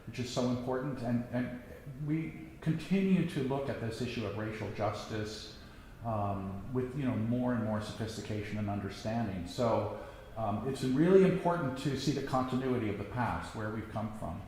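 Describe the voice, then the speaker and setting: A man in his sixties giving a reflective personal talk, halting with many ums and restarts. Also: medium pitch, darkish tone. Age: 60s. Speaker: guest speaker. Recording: echoey hall, faint background noise.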